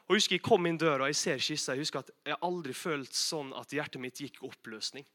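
A young man preaching a sermon, earnest and direct, asking the congregation rhetorical questions and shifting between loud emphatic calls and soft, low confessional passages.

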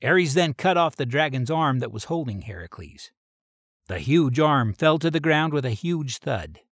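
Brief: male storyteller, lively intonation, dry studio-close sound, plain read-aloud delivery. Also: fairly high pitch, normal speed, no echo. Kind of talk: reading an original myth adventure story aloud.

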